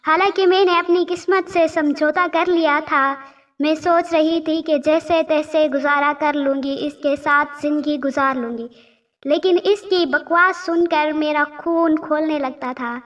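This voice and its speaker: A woman's voice: high voice, fairly even intonation, a bit bright, far from the mic. A woman telling a first-person story as a storyteller, emotional, with quoted dialogue.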